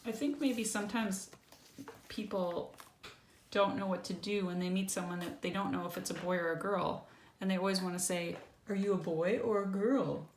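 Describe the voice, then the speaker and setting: A woman with a fairly low, steady voice reads a picture book to a child at a moderate pace, stopping for casual explanations and little check-in questions. The recording has a roomy echo and faint background noise.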